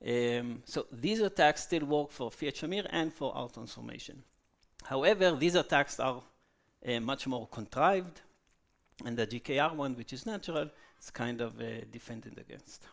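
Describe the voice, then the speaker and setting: A man giving a technical conference talk, halting with fillers and checking in with "okay?" after each point. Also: medium pitch, lively intonation, creaky. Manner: frequent "okay?" tag questions, halting with fillers. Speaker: conference speaker. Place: conference hall.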